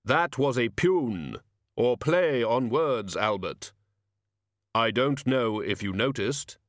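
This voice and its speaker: A male reader plays a solemn spirit of death trying to pass as a festive gift-bringer in a fantasy story. He talks slowly and formally, with stiff, literal-minded weight. The recording is dry and close. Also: medium pitch, expressive, no room sound. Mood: deadpan, stiff.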